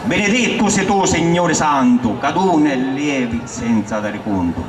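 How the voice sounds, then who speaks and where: A man's voice: medium pitch, animated, measured pace. A man with a Sicilian accent gives a live recitation of dialect poetry in a declamatory, storytelling way. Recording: roomy echo, distant mic, clear background noise.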